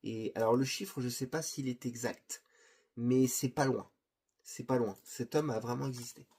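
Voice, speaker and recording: A middle-aged man chats casually in a warm, mellow voice with a husky edge. He hesitates often, restarting his sentences and padding them with fillers. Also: mid-range voice, normal speed. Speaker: video host presenting his Blu-ray collection. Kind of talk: casual chat.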